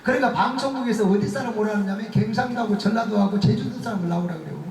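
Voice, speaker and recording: In a church sanctuary, a male pastor preaches a revival sermon in a high voice at a quick pace, animatedly telling stories with humor and laughter. The echoey hall makes his voice sound far off, and faint music plays behind him.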